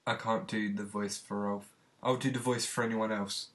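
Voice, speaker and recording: A man's voice: lowish voice, level tone, normal speed. A man co-hosting a casual comedy chat about films, with dry, wry banter. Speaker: co-host.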